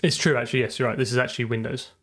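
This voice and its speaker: A programmer livestreaming game development thinks aloud in casual coding commentary, muttering to himself and trailing off mid-thought. His mid-range voice holds a steady tone, a little bright with a breathy edge, and he talks in rapid-fire bursts.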